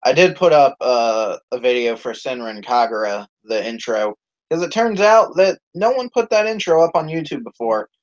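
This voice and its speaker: Chatting loosely on his channel's live stream, this YouTube host rambles at normal speed in a mid-range voice with lively intonation, cursing often and leaning on fillers. The audio comes through dull and lo-fi.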